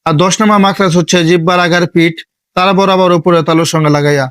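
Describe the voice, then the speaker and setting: A man from Bangladesh teaching an online Quran recitation lesson, patiently repeating each step slowly. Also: high voice, fairly even intonation, a bit bright, smooth, no room sound.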